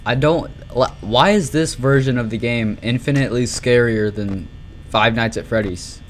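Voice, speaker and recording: This young man streams a horror game, rambling casually through nervous, exclamatory commentary with the odd curse. His voice is medium-pitched and moves at a normal speed over slight background noise.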